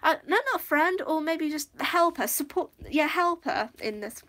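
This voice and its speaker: A high-pitched woman from Wales chatting through a livestream show review. She rambles, loses her thread, and fills the gaps with ums and restarts as she goes. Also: animated, normal speed, fairly bright tone. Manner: rambling, distracted, many fillers and restarts. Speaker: livestream host. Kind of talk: casual live review chat.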